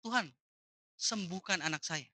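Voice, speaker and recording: A woman's voice: fairly low pitch, normal speed, pushed and bright, no room sound, voice pushed down. A woman preacher voicing a desperate mother who begs for healing for her sick daughter, in a pleading tone.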